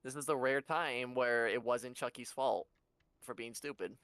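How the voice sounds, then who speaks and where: A man's voice: medium pitch, a little slow, a bit bright, clear, resonant tone, no echo. A young man co-commentating an online sim race with joking, dry asides. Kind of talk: casual sim racing commentary.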